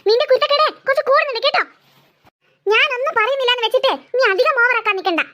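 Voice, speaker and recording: A woman's voice: extremely high pitch, rapid-fire, pushed and bright, highs cut off. A woman voicing a stern, sarcastic middle-aged mother in a cartoon, scolding her daughter. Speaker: cartoon voice actor. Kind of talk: cartoon dialogue acting.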